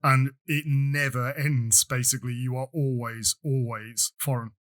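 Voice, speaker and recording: A man co-hosts a podcast in casual chat. He talks in a fairly flat tone, often stumbling and repeating words before he finishes a thought. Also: mid-range voice. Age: adult student. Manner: halting, repeats words while talking. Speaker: podcast co-host.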